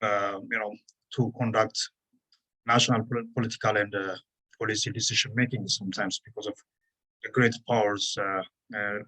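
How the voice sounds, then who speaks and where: Halting man presenting a paper. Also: lowish voice, level tone, bright, forceful tone, rough recording. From Ethiopia. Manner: halting, frequent "you know" and restarts. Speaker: conference panelist. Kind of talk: academic conference presentation.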